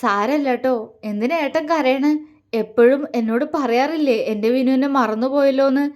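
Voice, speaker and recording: A woman narrator voicing a heartbroken young woman who speaks softly and haltingly, repeating words through tears. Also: sits high, natural voice. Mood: tearful, pleading. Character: young woman, heartbroken, tearful and self-effacing.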